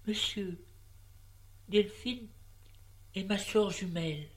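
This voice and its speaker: A woman reading a story, voicing a cold, scheming young widow who speaks smoothly and politely but firmly. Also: medium pitch, takes it slowly, pitched above the performer's own voice, natural voice. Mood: cool, guarded.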